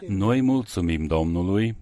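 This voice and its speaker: A man preaching a sermon and reading scripture in a slow, measured way to a gathered congregation in a rented community hall. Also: deep voice, animated, dark tone.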